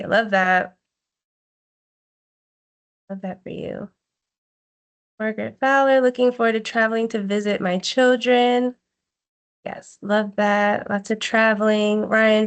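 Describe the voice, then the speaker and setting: Woman, fairly high voice, encouraging, reading out chat replies, video call. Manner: upbeat, encouraging, reads chat replies aloud. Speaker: meeting co-facilitator. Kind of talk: casual online meeting chat.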